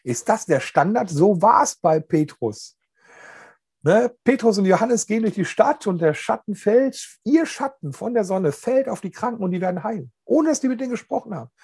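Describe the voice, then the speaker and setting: A man's voice: high-pitched, animated, moderate pace, a little mellow, husky. A man preaching a chatty, humorous sermon to his congregation. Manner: chatty, joking, addresses listeners directly.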